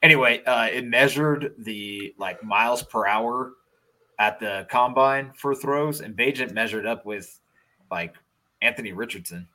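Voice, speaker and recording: A man's voice: medium pitch, a little slow, bright, forceful tone, low-quality recording. A man with a Chicago accent co-hosting a casual sports podcast, rambling with restarts and fillers. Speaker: podcast co-host.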